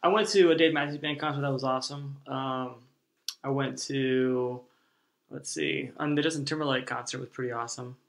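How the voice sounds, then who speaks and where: A man's voice: mid-range voice, steady tone, moderate pace, fairly bright tone. A man in casual podcast chat, hesitant and self-deprecating, with many ums.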